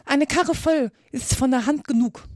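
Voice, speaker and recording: A woman's voice: high voice, a little slow, dry recording, clean studio sound, pitched above the performer's own voice. A woman voicing a fussy male rabbit who snaps orders in a storybook reading. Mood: bossy. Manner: snapping orders.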